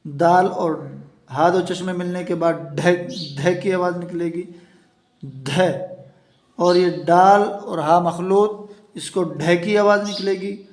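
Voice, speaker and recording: A man's voice: high voice, slight background noise. Man teaching Urdu letters in an echoey room. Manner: spells out letter sounds slowly and repeats them. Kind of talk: slow step-by-step reading lesson.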